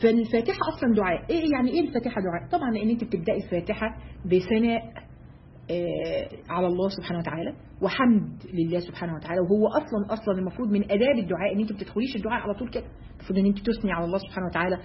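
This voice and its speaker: A woman with an Egyptian accent teaches a religious lesson to a group of women. She talks at a rapid clip and keeps asking rhetorical questions. The recording is dull and lo-fi, with faint noise behind her. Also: medium pitch. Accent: Egyptian Arabic. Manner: brisk, asks her listeners rhetorical questions.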